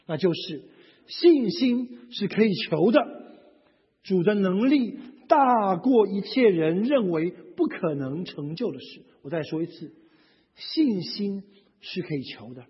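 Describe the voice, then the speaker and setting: Husky-voiced male preacher in reverberant hall. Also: high voice, unhurried. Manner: expressive preaching, rhetorical questions, reads scripture aloud. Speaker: pastor. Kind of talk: sermon. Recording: dull lo-fi sound with long hall reverb.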